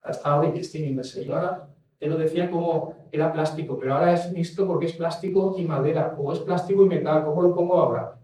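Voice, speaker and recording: A man's voice: on the high side, fairly even intonation, fast, mellow. A man giving a rambling talk as an industry expert, restarting and adding asides. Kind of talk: talk on packaging regulation. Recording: echoey room from far off mic.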